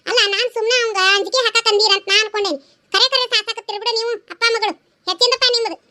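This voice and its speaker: A woman voicing a blunt, bossy middle-aged village mother in a cartoon, brisk and scolding, with a North Karnataka Kannada accent. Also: extremely high pitch, fairly even intonation, sharp tone. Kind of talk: cartoon voice acting.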